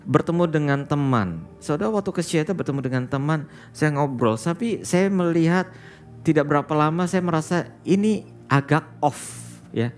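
A pastor delivers a sermon in a conversational, storytelling way, turning to his listeners again and again as he speaks. His voice rises and falls with lively intonation, and he slips English words into his talk. Faint music plays behind him. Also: on the high side, normal speed. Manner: storytelling, often addresses listeners as "saudara"; mixes English words into speech.

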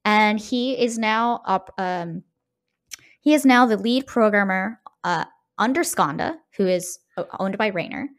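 A woman co-hosts a podcast, casually discussing a video game at a measured pace and medium pitch. She often tags her phrases with a questioning "right."

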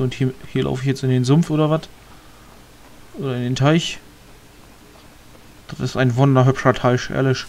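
A let's player comments casually on a game as he plays, rambling, muttering to himself, and grumbling a little. His voice is medium in pitch, gravelly, and a little mellow.

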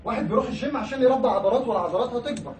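A man's voice: very high voice, rapid-fire, slight background noise. A man with an Egyptian accent teaching pathology, mixing English medical terms into his explanation and asking the class questions that he answers himself. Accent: Egyptian Arabic. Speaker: pathology lecturer. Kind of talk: recorded university lecture. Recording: echoey room, voice from far off the mic.

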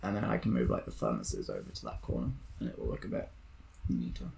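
A man's voice: rumbling low, sing-song, fast talker, vocal fry, darkish tone. A man in casual chat while playing a video game with a friend, easygoing with dry, playful asides. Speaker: co-host of a gaming series.

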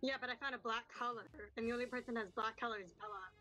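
A woman's voice: on the high side, steady tone, rapid-fire, sharp tone, faint music behind, low-quality recording. A woman playing a game with friends, chatting casually and insisting she knows the answer. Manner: insistent, sure of her guess. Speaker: fellow player. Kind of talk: casual gaming chat.

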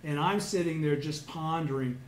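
Animated Southern Californian man telling a story. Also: a little high, normal speed. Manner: animated storyteller who acts out his own past words, shouts and chanting. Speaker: study group member telling a personal story. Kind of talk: casual storytelling to a small group. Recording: echoey room with faint background noise.

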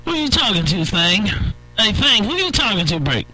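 A man's voice: high voice, sing-song, normal speed, a crowd in the background, poor audio. A man bantering on CB radio, teasing and scolding another operator. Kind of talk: CB radio chatter.

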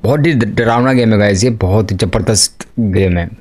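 A man's voice: on the low side, normal speed, darkish tone. A man, a gaming YouTuber, gives chatty horror gameplay commentary into a desk microphone and keeps calling his viewers "guys".

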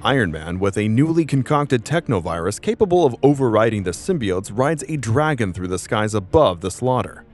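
A man's voice: lowish voice, sing-song, moderate pace, hardly any pauses, darkish tone. A man giving a theatrical, emphatic scripted narration of a comic-book story as its narrator. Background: music.

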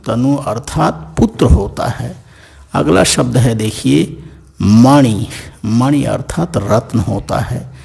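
A man teaching a grade-five language lesson, slowly and deliberately repeating each word before explaining its meaning. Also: mid-range voice, gravelly, breathy edge. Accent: Hindi.

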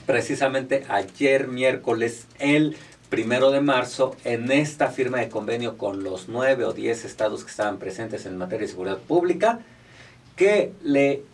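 A man's voice: mid-range voice, measured pace. Mexican guy dishing gossip, joking around, sounds a bit far from the mic. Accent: Mexican Spanish. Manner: joking, storytelling. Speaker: podcast co-host. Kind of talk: casual gossip chat.

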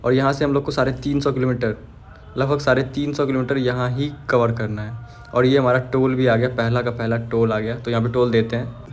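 A young man with a medium-pitched, flat voice talks a little fast over soft background music. He's a travel vlogger narrating a road trip from inside a car, chatting straight to his viewers.

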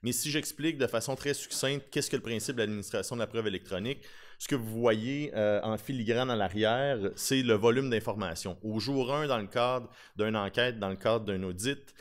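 A man's voice: medium pitch, moderate pace. A man in his thirties with a Québécois French accent, giving an informal, talkative conference presentation at a podium microphone. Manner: informal, talkative, with self-deprecating humour. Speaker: conference speaker, lawyer specializing in digital forensics. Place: conference room at a lectern. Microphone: podium gooseneck microphone.

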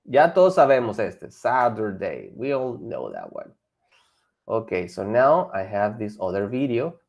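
Lively bilingual teacher. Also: male voice, medium pitch, slow, vocal fry. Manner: lively, mixes Spanish and English, coaxing students. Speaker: English teacher. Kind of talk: online class for children.

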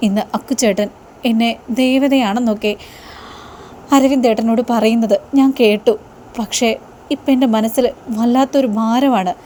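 A woman's voice: fairly high pitch, steady tone, normal speed, warm tone, slight background noise, natural voice. Woman reading as a tearful young wife. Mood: tearful pleading. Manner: earnest, plain retelling of her words.

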